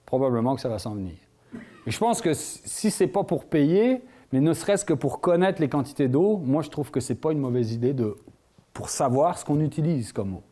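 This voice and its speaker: A man with a French accent giving a lecture to a live audience, quizzing the room with questions and speaking in an animated, engaging way. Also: fairly high pitch, moderate pace. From France. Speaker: conference speaker.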